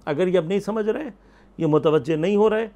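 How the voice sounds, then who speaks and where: A man delivers a Quran commentary lecture in a fairly high voice. He explains the verses patiently, asking rhetorical questions and answering them himself, and he quotes Arabic verses along the way. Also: mellow. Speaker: religious scholar.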